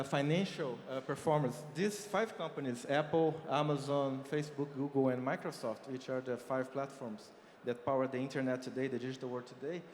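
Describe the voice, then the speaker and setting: A Brazilian man with a Brazilian Portuguese accent delivers a conference keynote in a large hall, explaining figures step by step in a mid-range voice and leaning on lots of fillers. The recording has roomy hall reverb, faint ambience, and a little hiss or hum.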